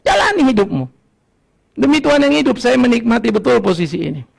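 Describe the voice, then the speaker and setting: Older pastor, gravelly high voice, jumps from loud bursts to low mutters, laughs a lot. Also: male voice, a little fast. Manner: lively, swings between loud outbursts and low asides, laughs often. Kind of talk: sermon. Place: church hall.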